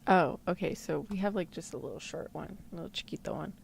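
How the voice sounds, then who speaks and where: A woman VTuber streamer and ASMR roleplayer chats casually and playfully during a livestream, full of incredulous exclamations and mild swearing. Her voice is on the low side, quick and gravelly, with a little hiss or hum in the recording.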